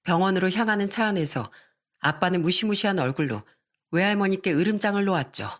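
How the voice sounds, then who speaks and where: A woman's voice: mid-range voice, lively intonation, brisk. Woman narrating a confiding story. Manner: confiding first-person storytelling.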